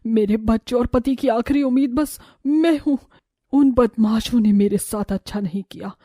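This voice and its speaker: A vengeful cartoon witch spirit of a murdered mother, played by a woman, stretching her threats out slowly. Her voice is husky and mellow, a little higher than most women's, and recorded close and dry. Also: dry recording, close to an everyday voice. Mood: anguished pleading. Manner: menacing, drawn-out threats.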